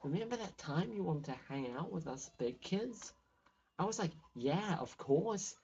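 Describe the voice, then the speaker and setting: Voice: mid-range voice, lively intonation, measured pace, lo-fi sound, noisy background. A player reading game dialogue aloud as a snobbish, gossipy teenage girl with a drawling valley-girl manner full of "like". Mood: teasing.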